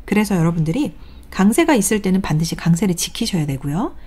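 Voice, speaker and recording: Husky-voiced woman teaching pronunciation. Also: lowish voice, big pitch swings, fast, a little mellow. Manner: patient, drilling examples aloud. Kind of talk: online lecture.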